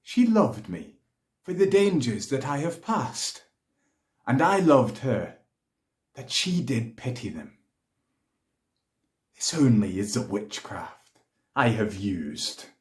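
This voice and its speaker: A man playing Othello as a proud, eloquent soldier in a Shakespearean monologue, speaking in a measured, declamatory way. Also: medium pitch, big pitch swings. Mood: impassioned. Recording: echoey room.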